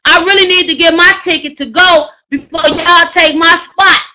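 High bright-voiced lady hollering book-selling tips at her class, lots of "you gotta". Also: fairly even intonation, moderate pace, poor audio. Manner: loud, hollering, preacher-like exhortation; repetitive "you gotta" slangy coaching. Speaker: writing class teacher. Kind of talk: live online class on book promotion.

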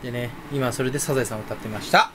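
A young man rambling in a casual solo chat from his room at home, self-mocking and jumping between topics with sudden loud bursts. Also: mid-range voice, fairly even intonation, rapid-fire, background noise. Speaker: streamer chatting solo.

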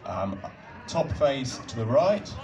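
With a mid-range, sing-song voice, a young man on an outdoor night stage leads a cube solve, speaking into a handheld mic. His instructions come slowly and patiently, polite throughout and punctuated by quiet laughs. A distant microphone captures the crowd and music around him.

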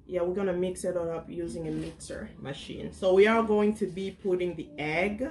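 Chatty mom demonstrating home cooking. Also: female voice, lowish voice, steady tone, normal speed, a little mellow, a little hiss or hum. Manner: chatty, instructive, talks to her kids while cooking. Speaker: cooking vlogger and mother. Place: home kitchen, indoors. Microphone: camera on the counter.

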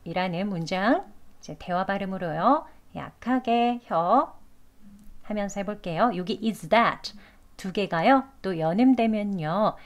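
A Korean woman leads a pronunciation lesson at a very unhurried pace. She stretches each example word out slowly between short explanations, in a voice of middling pitch. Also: animated. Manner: slow, drawn-out demonstration words between brief explanations. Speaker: English pronunciation teacher.

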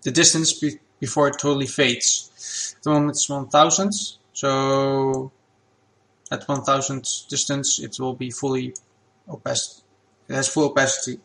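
Here a game asset creator whose mother tongue is Dutch explains software at his computer, one step at a time, in an easygoing, straightforward way. His mid-range voice carries vocal fry, and he keeps a measured pace.

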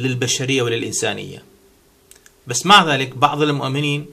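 A man's voice: a little high, bright, forceful tone. A man from Syria, answering a viewer's question in a casual, lecturing monologue with many hesitations and restarts. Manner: lecturing, strings synonyms together.

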